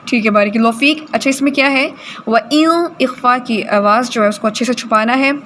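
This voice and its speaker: Woman teacher in a recitation class, fairly high voice, stops to drag out words and fix how students say them, faint hiss behind. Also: a bit bright. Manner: corrects pronunciation, models words slowly.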